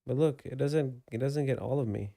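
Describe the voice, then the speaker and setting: A man hosts a live trading stream from a home desk, thinking aloud and chatting easily with viewers. His voice is mellow and gravelly, with a bit of fry. The sound is dry and close, with no room echo. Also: mid-range voice, normal speed. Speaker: livestream trading host. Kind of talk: casual live market commentary. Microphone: desk microphone with webcam.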